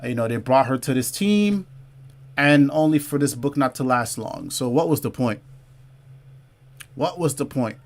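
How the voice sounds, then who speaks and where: A man with a mid-range voice hosts a casual comics livestream, chatting loosely with his audience at a measured pace with long pauses and lively intonation. He reads viewer comments aloud, repeats phrases to hammer home his points, drops "y'all" and "man," and asks people to comment below.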